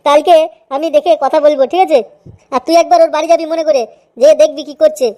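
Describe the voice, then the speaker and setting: A woman's voice: sits high, fairly even intonation, fast, mellow, lightly acted. A woman voicing an older man in a cartoon, the hero's bossy, foul-mouthed friend of the family who keeps reassuring him. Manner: bossy, crude, keeps saying "all right?". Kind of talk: cartoon voice acting.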